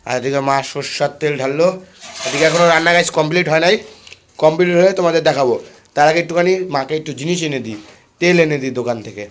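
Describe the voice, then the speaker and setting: Fast-talking young man vlogging by phone. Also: a little high, a little hiss or hum. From India. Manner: chatty, addresses viewers as "guys". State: slightly hoarse. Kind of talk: casual vlog narration. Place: at home and outdoors on local roads.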